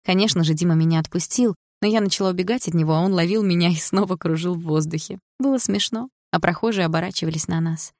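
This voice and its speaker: A woman reading an audiobook in the first person, with expressive, lively storytelling. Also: on the low side, quick pace, few pauses, no echo, studio quality. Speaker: audiobook narrator.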